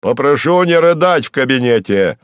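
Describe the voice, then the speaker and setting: A man's voice: mid-range voice, lively intonation, moderate pace, clean tone, dry recording, clean studio sound, lightly acted. A man voicing the empty suit of an arrogant, irritable male official who snaps curtly.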